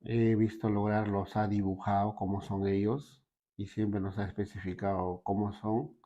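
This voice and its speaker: A man giving a personal testimony, halting, with frequent fillers and tag questions. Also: on the low side, level tone, dark tone, muffled recording. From Peru. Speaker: testimony giver.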